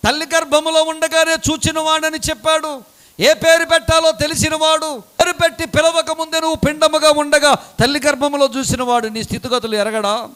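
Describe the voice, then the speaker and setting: A man preaching a sermon dramatically, swinging between loud calls and low, quiet asides.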